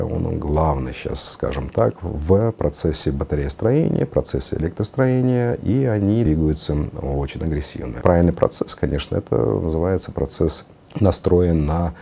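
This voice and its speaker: Middle-aged male guest, very deep and mellow, halting conversational delivery. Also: vocal fry, a little hiss or hum. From Uzbekistan. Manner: hesitant phrasing, slips in English words. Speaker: interview guest, car designer. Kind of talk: conversational studio interview. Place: TV studio. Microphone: lapel.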